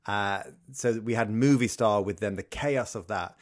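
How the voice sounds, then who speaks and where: A man's voice: lowish voice, moderate pace, no echo. A man co-hosting a podcast, talking about music with a dry, wry humor. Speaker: podcast co-host. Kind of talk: casual music review chat.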